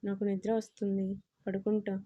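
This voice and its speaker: A woman's voice: medium pitch, monotone, a little fast, mellow, close to an everyday voice. A woman voicing an anxious young female student in an audio story, her speech pleading and nervous. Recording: dull lo-fi audio.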